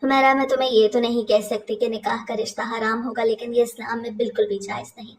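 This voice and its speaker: A woman's voice: a little high, little pitch movement, quick pace, far from the mic, natural voice. A woman voicing a devout young religious teacher who lectures her friend firmly and emphatically in a story reading. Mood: earnest. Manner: preachy, emphatic.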